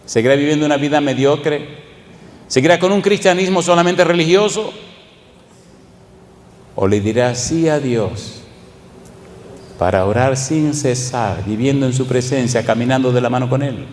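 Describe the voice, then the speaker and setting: A man's voice: mid-range voice, moderate pace, pauses often, long reverb tail. A Dominican man with a Dominican accent, a pastor preaching a sermon in a church and driving his points home with repeated rhetorical questions. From Dominican Republic.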